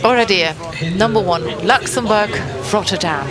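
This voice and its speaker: A woman's voice: mid-range voice, normal speed, loud music behind the voice, over a noisy crowd. A woman giving live sports commentary in an encouraging, exclaiming way, often repeating her phrases. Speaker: live event commentator, also relaying a translator's words.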